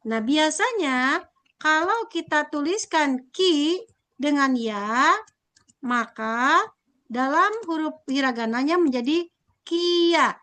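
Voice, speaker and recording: A woman's voice: high-pitched, lively intonation, takes it slowly, fairly bright tone. A young woman teaching a Japanese script lesson, repeating each sound and often checking that the class understands.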